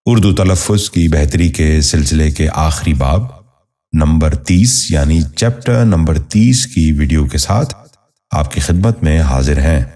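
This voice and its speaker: A man hosting a scripted pronunciation lesson, speaking in a measured, formal way and repeating each word with care. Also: rumbling low, lively intonation, dark tone. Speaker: host and pronunciation teacher.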